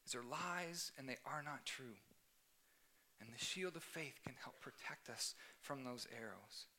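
Young man, youth pastor, sermon, earnest, emphatic repeats, bright forceful voice. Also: mid-range voice, expressive, a little slow. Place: church youth service.

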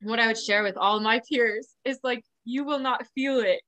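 A woman's voice: fairly high pitch, normal speed, a bit bright. A woman hosting a faith podcast, talking in an earnest, affirming way and laughing easily. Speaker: podcast host. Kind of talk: casual faith conversation.

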